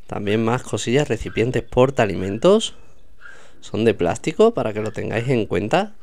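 A man's voice: fairly low pitch, very animated, moderate pace, gravelly, a little mellow. Chatty man touring a supermarket. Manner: chatty, pointing things out to viewers. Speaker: vlogger showing store products. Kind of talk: casual walkthrough narration. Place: indoors in a supermarket aisle.

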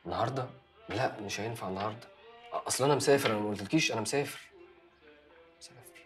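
An actor with an Egyptian accent playing an evasive young man who makes smooth excuses to his girlfriend. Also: on the low side, music in the background, natural voice. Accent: Egyptian Arabic. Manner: smooth, fast excuse-making. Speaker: actor in a TV drama series. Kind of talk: TV drama acting.

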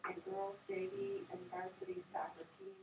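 Woman on the school intercom, gravelly voice, formal and polite, echoey loudspeaker from across a noisy classroom. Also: extremely high pitch, steady tone, moderate pace, recorded from a distance. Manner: formal, polite, repeats the message. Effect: over the school intercom loudspeaker. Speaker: school staff announcer. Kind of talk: school public address announcement.

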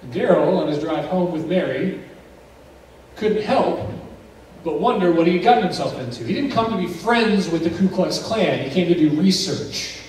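A male pastor telling a story in a sermon, dramatic and suspenseful, with pauses that build tension. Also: high-pitched, animated, a little mellow, a little hiss or hum. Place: church sanctuary. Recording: very echoey church recorded from a distance.

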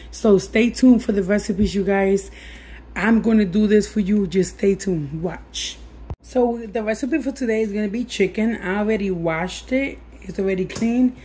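A budget cooking vlogger chats warmly and encouragingly with her viewers from her home kitchen while demonstrating a recipe. Her medium-pitched voice is raspy, husky and breaking as she loses it to hoarseness, with a faint hiss or hum in the recording.

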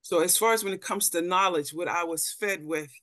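A middle-aged Dutch anthropologist from the Netherlands gives a thoughtful, lecture-style panel talk with slides over a video call from an indoor room, often repeating words while searching for phrasing. Her voice is fairly low, fairly bright, and a little fast. The sound is clean, studio-like, with no room sound.

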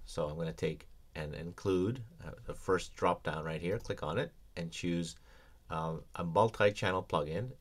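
A man's voice: low-pitched, normal speed. A man teaching audio editing in a screencast tutorial, explaining in a casual way with many ums and restarts. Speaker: audio production instructor.

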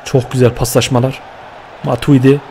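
A young man giving lively, excitable commentary while playing a football video game, cheering and scolding his players with slang. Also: mid-range voice, moderate pace, noisy background. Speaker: gaming YouTuber.

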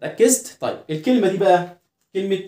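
A man's voice: high voice, lively intonation, fast talker, dark tone. A man with an Egyptian Arabic accent teaching an English lesson, asking rhetorical questions and answering them himself. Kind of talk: classroom lesson explanation. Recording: roomy echo.

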